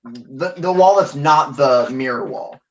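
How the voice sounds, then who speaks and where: A man's voice: medium pitch, a little slow, muffled recording. A man playing a tabletop game, chatting casually in an insistent, mischievous way.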